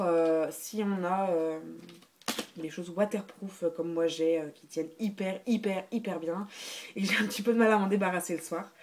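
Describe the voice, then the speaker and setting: Woman, casual haul chat, lowish voice, hesitant with fillers, faint background noise. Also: a little mellow. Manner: chatty, hesitant, lots of fillers and restarts. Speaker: beauty vlogger.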